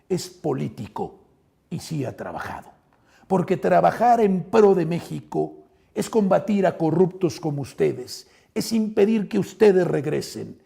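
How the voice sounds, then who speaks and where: A Mexican man delivers combative political commentary with a heavily gravelly, husky voice. His tone is dark but a touch higher than most men's, and he jabs at his targets with open sarcasm, addressing them head-on. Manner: sarcastic, addresses opponents directly.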